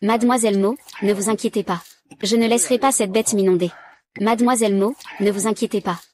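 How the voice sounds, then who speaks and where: A woman reading all the parts of a dubbed drama recap in one flat, even voice. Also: medium pitch, quick pace.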